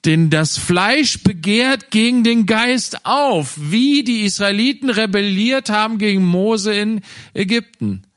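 Animated, slow-speaking German-language preacher man. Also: high voice, no echo, studio quality. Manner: animated, acts out inner voices in quotes. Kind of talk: sermon.

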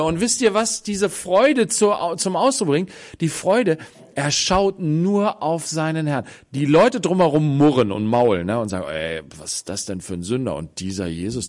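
A man preaching a sermon, telling stories dramatically with sudden swings between loud and soft and acting out the voices of the people in them. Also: a little high. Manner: acts out the voices of people in the story.

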